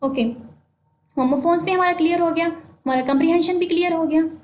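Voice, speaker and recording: A woman teacher giving a class lesson, explaining slowly, asking the class questions and spelling words letter by letter. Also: extremely high pitch, darkish tone.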